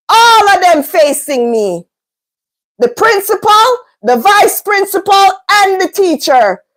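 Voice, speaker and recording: A woman's voice: very high voice, fairly bright tone, rough recording. A woman, a vlogger and mother, telling a story casually in an indignant, emphatic way.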